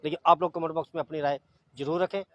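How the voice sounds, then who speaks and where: Male news reporter on location, formal and measured, dry muffled field audio. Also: a little high, steady tone, fairly bright tone, no echo.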